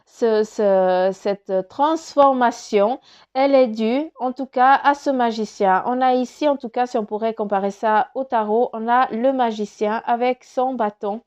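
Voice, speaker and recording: A woman's voice: fairly high pitch, measured pace, darkish tone, muffled recording. A woman giving a casual spoken card reading, rambling with many fillers and restarts, her nose stuffy from crying. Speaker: spiritual card reader.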